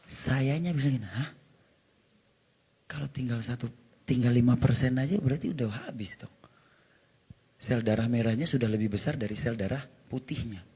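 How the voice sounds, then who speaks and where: A man sharing an emotional testimony, animated, often shouting and laughing as he tells his story. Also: mid-range voice, moderate pace, long pauses, breathy edge.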